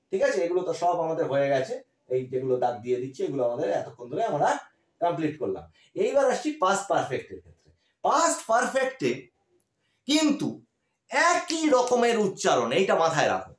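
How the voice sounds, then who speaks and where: A man's voice: high voice, a bit bright, echoey room. A man teaching an English grammar lesson who explains step by step, asks questions and answers them himself, and keeps checking in with students. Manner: checks in often with short confirming questions.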